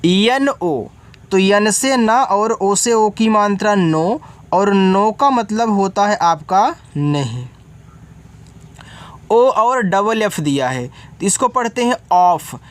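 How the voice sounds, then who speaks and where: A man's voice: sits high, animated, slow pace. A man teaching beginners to read English, spelling each word letter by letter and then explaining it, often checking whether the learner follows.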